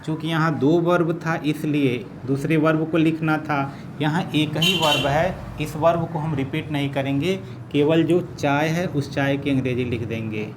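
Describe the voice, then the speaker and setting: Brief: male grammar teacher, slightly high voice, slow patient delivery, faint hiss behind. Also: fairly even intonation. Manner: slow, repeats each phrase while writing. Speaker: English teacher. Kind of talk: classroom grammar lesson.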